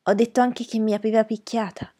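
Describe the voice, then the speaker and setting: A woman's voice: fairly high pitch, little pitch movement, brisk, warm tone, pitched above the performer's own voice, close to an everyday voice. Woman voicing a defiant young witness. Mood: defensive.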